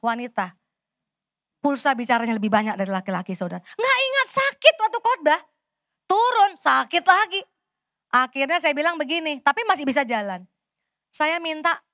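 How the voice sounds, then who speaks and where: A middle-aged woman pastor giving a sermon, telling a story with lively expression and often calling out to the congregation. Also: sits high, no room sound, studio quality.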